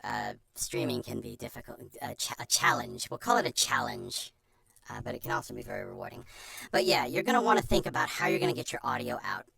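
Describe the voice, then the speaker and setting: A streamer with an artificially pitch-shifted chipmunk voice gives an informal, self-deprecating how-to presentation in a chatty manner. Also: fast, sharp tone, no room sound. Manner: chatty, self-deprecating, breaks off into muttered asides. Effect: pitch shifter giving a chipmunk voice.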